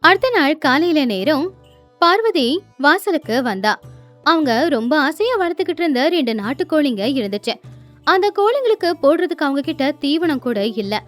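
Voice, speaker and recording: A woman narrating a moral storybook tale in a gently emphatic storytelling manner, with faint music underneath. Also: sits high, big pitch swings, moderate pace.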